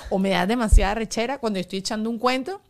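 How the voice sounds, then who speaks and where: A young woman hosts a relaxed podcast conversation. Her voice sits in a middle register. She tells stories with lively swings and sudden loud stresses. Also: mid-range voice, quick pace. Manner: animated storyteller with sudden loud emphasis. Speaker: podcast host. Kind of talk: casual chat.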